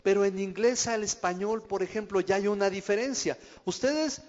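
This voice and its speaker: Preaching conversationally, a male pastor teaches from the pulpit and keeps asking the congregation questions. His voice is high-pitched with a darkish tone at a moderate pace, recorded dully in a reverberant hall.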